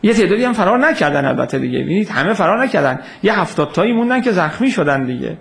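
Gravelly high-voiced man teaching informally. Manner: animated storytelling, acts out quoted voices, takes audience questions. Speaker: religious history teacher. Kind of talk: informal lecture.

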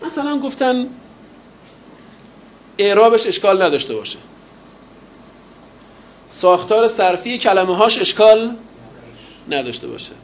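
Lecturing man, questions to class. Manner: asks rhetorical questions and answers them himself; lively pitch and loudness, slows for emphasis. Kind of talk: university lecture on rhetoric. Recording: slightly dull, faint ambient noise.

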